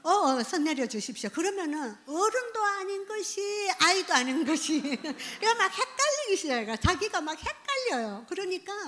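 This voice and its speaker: A middle-aged woman pastor with a high, bright voice preaches to a church congregation. She keeps it lively, slips into short parent and child lines, and gets the room to follow along with gestures. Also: moderate pace, hardly any pauses. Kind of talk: midweek sermon on parenting. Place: church sanctuary.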